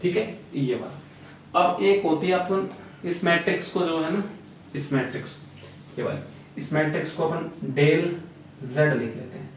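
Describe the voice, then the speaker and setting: A man teaching circuit theory at a board, explaining step by step and repeating filler words. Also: on the high side. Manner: repetitive filler-laden explaining, frequent "aapka". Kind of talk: classroom lecture at a board. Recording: very echoey room, mic far off, faint noise.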